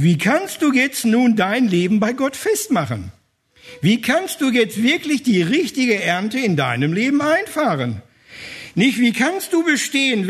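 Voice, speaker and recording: A man's voice: high voice, a bit bright, slightly rough. A man preaching a sermon emphatically, repeating phrases for weight.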